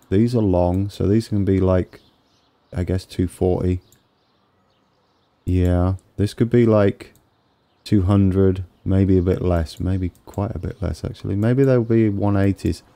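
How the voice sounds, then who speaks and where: Casually walking through a game build, a gaming video host speaks in a low, mellow voice that sounds wheezy and congested. He's tentative, thinking through each step aloud.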